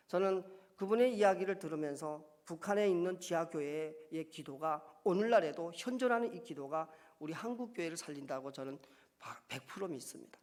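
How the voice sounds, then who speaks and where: A pastor from North Korea tells his own story from the pulpit, earnest and at times rising to impassioned cries. His voice sits a little high for a man. A long church-hall reverb trails every phrase. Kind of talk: testimony sermon. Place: church sanctuary.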